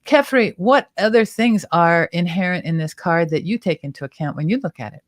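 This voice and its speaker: A woman's voice: fairly low pitch, expressive, fairly quick, no room sound, clean studio sound. A woman hosting a tarot talk show, chattily explaining the cards and their symbols at length. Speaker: tarot reader and show host.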